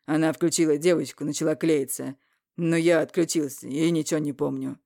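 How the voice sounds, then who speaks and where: A woman voicing a scheming, mocking young man in an audiobook, speaking loudly and evasively. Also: low voice, steady tone, a little fast, gravelly, dry recording, clean studio sound. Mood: defiant. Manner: loud, evasive, sneering. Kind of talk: audiobook character reading.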